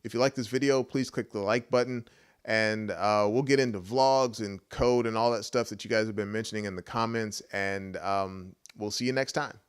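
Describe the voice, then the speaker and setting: A man's voice: lowish voice, fairly even intonation, moderate pace, clear, resonant tone. An American man in his late thirties tells a personal story to viewers in a casual, conversational way with wry rhetorical asides. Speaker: YouTube vlogger and software engineer. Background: background music.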